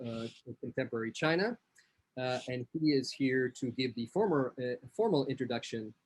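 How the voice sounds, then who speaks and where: A man moderating an online event, handing over to the next speaker with halting pauses and fillers. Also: mid-range voice, expressive, husky, dry recording. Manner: halting, filler-heavy handoff. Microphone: video call.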